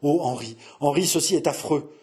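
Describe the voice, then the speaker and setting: A man's voice: fairly high pitch, normal speed, darkish tone, lightly acted. A man reading aloud and voicing a passionate young nobleman who speaks feverishly and urgently. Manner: urgent, pleading. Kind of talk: audiobook reading.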